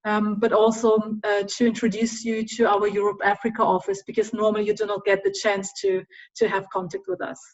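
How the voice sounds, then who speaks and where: A woman's voice: medium pitch, flat delivery, a little fast, muffled recording. A woman, a guest speaker in an online club meeting, who talks with many hesitant "um" fillers. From Germany.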